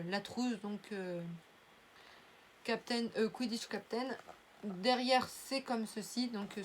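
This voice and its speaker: A woman's voice: mid-range voice, slight background noise. A young woman chatting casually through an unboxing video, rambling with lots of fillers and restarts. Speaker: unboxing vlogger.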